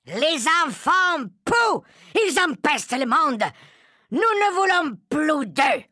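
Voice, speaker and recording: The Grand High Witch, shrieking. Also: sing-song, takes it slowly, pushed and bright, no echo, clean studio sound, full character voice. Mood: furious. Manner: shrieking, commanding, chanting threats. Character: tyrannical furious female witch leader. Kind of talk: audio drama acting.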